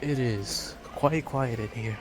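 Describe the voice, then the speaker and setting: This man's mid-range voice moves slowly as he casually narrates his way through a big warehouse store for his vlog. The handheld phone or camera picks up clear ambient sound from the store.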